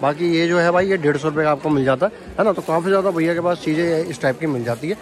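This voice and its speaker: A man's voice: on the high side, quick pace. A young man vlogging through a busy street market, asking vendors for prices and repeating them to his viewers. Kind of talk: casual walkaround vlog. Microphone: handheld camera, point of view and selfie. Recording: outdoor market crowd noise. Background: crowd chatter.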